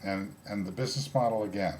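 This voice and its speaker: A male interviewer with a very low, deep voice. He pauses and hesitates a lot, filling the gaps with halting fillers. He keeps a dry, patient tone in a comedy sketch interview. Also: darkish tone.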